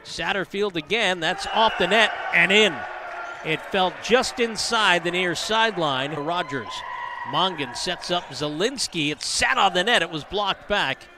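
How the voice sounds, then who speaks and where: High-voiced man calling live volleyball. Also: expressive. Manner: brisk, rises to shouts on big plays. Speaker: play-by-play commentator. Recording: noisy arena broadcast feed. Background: gym ambience and ball bounces.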